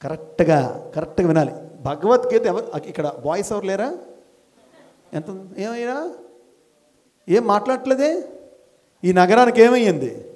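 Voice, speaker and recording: High-voiced man giving a rousing talk. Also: lively intonation, normal speed, pauses often. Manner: fires questions at the audience and urges them to answer louder; repeats phrases in rising rhetorical chains. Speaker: motivational speaker and school principal. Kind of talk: motivational talk to college students. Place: college hall before students.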